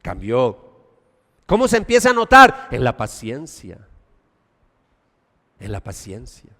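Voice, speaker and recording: Un pastor que predica un sermón, alternando énfasis fuertes con apartes en voz baja y escenas coloquiales actuadas para la congregación. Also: male voice, mid-range voice, wildly swooping pitch, takes it slowly. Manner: preaching with dramatic swings between loud emphasis and quiet asides; colloquial, acts out little scenes for the congregation. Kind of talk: sermon. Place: church hall. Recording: long church-hall reverb.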